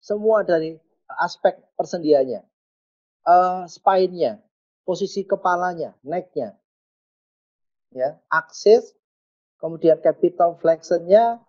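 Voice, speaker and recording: A man's voice: high-pitched, lively intonation, slow pace, long pauses, darkish tone. A man speaking as a pediatric physiotherapist answering webinar questions, explaining in detail with light joking. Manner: explanatory, joking, with a Javanese touch. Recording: dull lo-fi online call audio.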